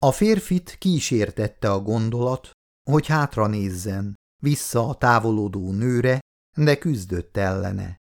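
Calm low-voiced male audiobook narrator. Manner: calm, measured reading. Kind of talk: scripted narration.

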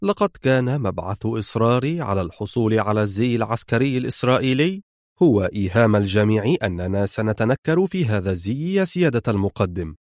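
Audiobook: male narrator playing a calm, resolute young officer with a lively, expressive read. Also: on the low side, quick pace, no echo, clean studio sound, close to an everyday voice. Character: cool, firm, clever young male army lieutenant.

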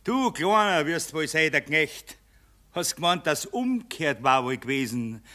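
A jeering Bavarian money spirit. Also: male voice, sing-song, unhurried, heavily acted. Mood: mocking. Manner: taunting, swings from loud jeers to low sneers. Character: gloating male spirit of money, mocking and scornful. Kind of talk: radio play acting.

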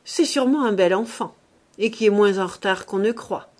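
A woman reading an impatient old matriarch in a storybook, rushing her words and pressing to be gone, in a voice of middling pitch. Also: darkish tone, lightly acted. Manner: hurried and pressing. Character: hasty, displeased old matriarch.

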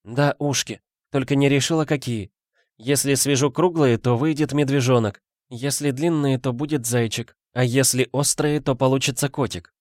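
A man voicing a timid, tired pregnant young wife who speaks softly and meekly. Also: mid-range voice, steady tone, moderate pace, dry recording, clean studio sound, pitched above the performer's own voice, natural voice. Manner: soft, meek.

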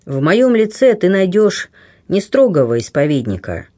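A man's voice: high voice, very animated, moderate pace, a little mellow. A man reading the part of a blunt, kindly aging buccaneer who grumbles and teases. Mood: gruff warmth. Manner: grumbling, teasing, plain-spoken.

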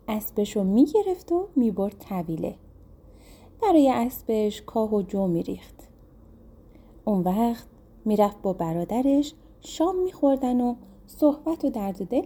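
A woman narrating a folktale audiobook in a steady, measured storytelling way. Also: fairly high pitch, breathy edge.

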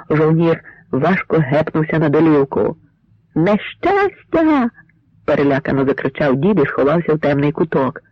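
A man narrating a dramatic historical story in a measured storytelling manner, on a dry, slightly muffled recording. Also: fairly high pitch, dry recording. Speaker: audiobook narrator.

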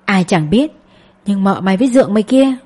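A woman reading an audiobook, voicing a blunt, loud older village woman who teases with rapid questions. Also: mid-range voice, lively intonation, breathy edge. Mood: teasing.

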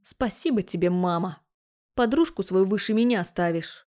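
A woman's voice: mid-range voice, normal speed, darkish tone, natural voice. Sarcastic young heroine, snappy and defiant, a woman reading her lines. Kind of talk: audiobook character voice.

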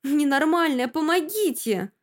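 Lady reading doing a shrill nasty young girl rival, high and squealy. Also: expressive, normal speed. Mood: shrieking. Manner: shrill, sneering. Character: spiteful shrieking young woman rival.

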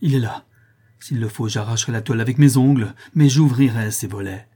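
A man reading an audiobook, voicing a fierce, desperate young woman who shouts frantically for her lover. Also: medium pitch, fairly quick, slightly rough, natural voice. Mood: frantic.

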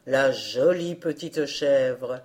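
A woman voicing a grieving father who is a retired sea captain in a fairy tale, speaking with gentle, fond exclamations. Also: rumbling low, drawn-out words, pitched below the performer's own voice, exaggerated voice.

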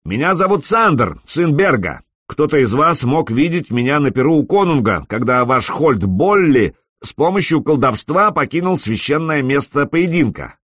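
A man voices a brash young male warrior, pitching his voice above his natural range to taunt and command his foes. The delivery is loud, proclaiming and very animated at a normal speed, captured with clean studio sound and no room noise.

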